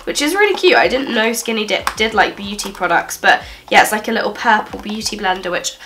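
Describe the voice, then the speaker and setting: Animated and a bit bright, her mid-range voice moves slightly fast over faint background noise. She's a twenty-one-year-old beauty vlogger with a cold-blocked nose, cheerfully going through her birthday haul in a small living room for a casual vlog.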